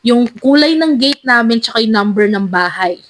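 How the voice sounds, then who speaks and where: A high-pitched woman co-hosting a casual chat show, telling a story in a bright, animated rush. She keeps the tale moving and jumps into the voices of the people she describes. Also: normal speed. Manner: animated, lively storyteller who acts out quotes. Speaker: podcast co-host.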